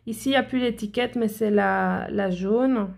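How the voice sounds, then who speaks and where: A woman chats eagerly to her viewers, full of "euh" fillers and restarts. Her mid-pitched voice has a gravelly, fry-laden edge. She sounds like a nail educator talking casually through a product haul. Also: normal speed, a little mellow. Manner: chatty, enthusiastic, many fillers and restarts.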